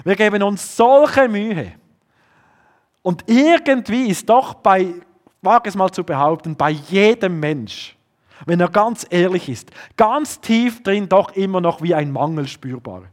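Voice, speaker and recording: A man preaching a sermon, often dropping to a low hush to stress a point. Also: lively intonation, measured pace. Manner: earnest, drops to a low hush for emphasis.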